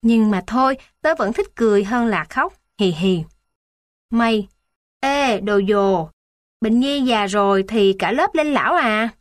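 A woman reading aloud old class diary entries in a calm, lightly amused way. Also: a little high, measured pace, no echo, clean studio sound.

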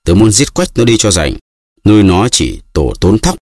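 A man voicing a drunken, brutal peasant who shouts and brags loudly, in an audiobook reading. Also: on the low side, wildly swooping pitch, normal speed, no echo, studio quality, heavily acted. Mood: boastful. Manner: shouting, blustering.

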